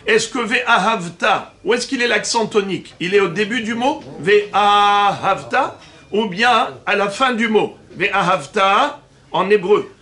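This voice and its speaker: A rabbi teaches a religious lesson with a bright, fairly high man's voice. He explains patiently. He slows down and stresses each Hebrew term he spells out.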